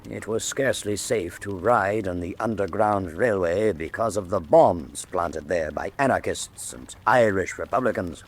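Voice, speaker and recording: A man playing a genial, middle-aged Victorian doctor and old soldier, formal and measured in a radio drama. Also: sits low. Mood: reflective, grave. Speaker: narrator and character. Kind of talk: radio drama narration and dialogue.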